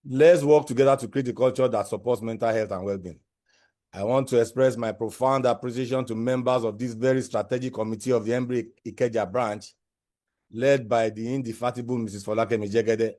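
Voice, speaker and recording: A man with a Nigerian accent, a bar branch chairman, giving measured, speech-like opening remarks on a webinar over a video call mic. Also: medium pitch, fairly even intonation, mellow. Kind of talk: formal opening address on a webinar.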